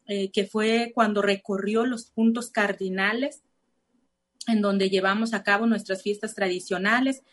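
Sharing her own story in Spanish during an interview, a Nayarit woman who grew up speaking Cora (Náayeri) halts often, with frequent fillers and restarts. Her mid-range voice is steady and measured, with slight background noise.

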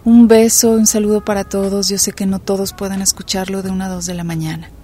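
A woman hosts a late-night radio show. Her voice sits a little low for a woman, and light music plays behind her as she addresses listeners. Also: level tone, quick pace, dark tone. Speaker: radio host.

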